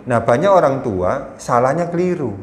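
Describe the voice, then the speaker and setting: Man, middle-aged, earnest explanatory talk, mid-pitched, echoey room. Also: lively intonation, moderate pace. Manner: earnest and explanatory, acts out scolding parents with sudden loud bursts. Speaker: guest speaker on parenting. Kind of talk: conversational talk on parenting. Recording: echoey room with faint noise.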